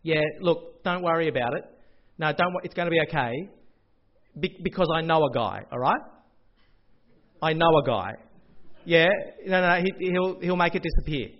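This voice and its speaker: A man's voice: a little high, lively intonation, moderate pace, pauses often. A man voicing a chummy, shady male accountant reassuring a client. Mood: breezy, loud. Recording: dull lo-fi audio.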